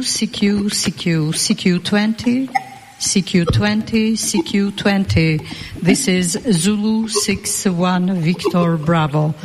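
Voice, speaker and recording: A woman amateur radio operator calling CQ, repeating her call sign over and over, heard through fading shortwave radio reception. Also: mid-range voice. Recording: loud static, long reverb over shortwave.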